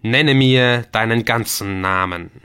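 A man voicing a mysterious computer game that speaks in slow, loud, solemn pronouncements. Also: on the low side, smooth. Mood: solemn commanding.

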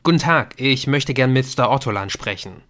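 A man's voice: mid-range voice, lively intonation, moderate pace, a bit bright, lightly acted. A man voicing an earnest teenage boy in an audiobook, speaking tensely and urgently.

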